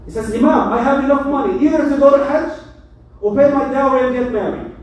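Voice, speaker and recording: A man preaching as an imam in a mosque, animated and joking as he speaks. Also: very high-pitched, a little fast. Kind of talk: mosque sermon. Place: mosque hall. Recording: echoey hall, mic from far.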